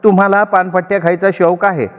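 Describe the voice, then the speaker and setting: A man's voice: high-pitched, level tone, fairly quick, pitched above the performer's own voice, natural voice. Man putting on a nagging, suspicious wife. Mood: needling, accusing. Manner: sharp, needling, accusing. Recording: long reverb.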